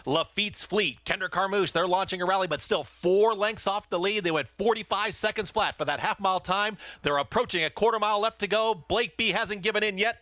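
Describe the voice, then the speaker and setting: A man's voice: very high voice, pushed and bright, no room sound. A man working as a race caller, giving live, urgent commentary on a horse race. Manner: urgent race caller delivery, building in intensity.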